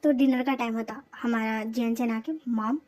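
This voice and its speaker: A woman's voice: fairly high pitch, steady tone, moderate pace, darkish tone. A woman casually retelling her own fan fiction story, chatty and full of dialogue tags.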